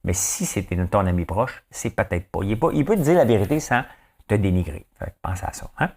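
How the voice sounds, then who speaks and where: A man with a Québécois accent talks casually to his viewers as the host of a live show. His voice sits fairly low and swings widely in pitch. He stays animated and chatty and keeps checking in with his audience. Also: fairly quick. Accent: Québécois French.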